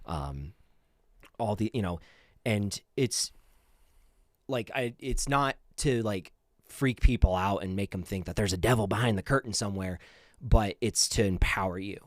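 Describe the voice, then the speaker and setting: Low-voiced man with halting speech. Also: no echo, studio quality. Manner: halting, many restarts and fillers. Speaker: guest. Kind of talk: casual conversational interview.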